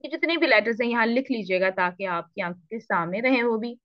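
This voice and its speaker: A woman teaching a recitation lesson with a Pakistani Urdu accent, patiently repeating and slowly demonstrating letter sounds. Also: fairly high pitch, no echo, highs cut off. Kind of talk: online lesson explaining tajweed.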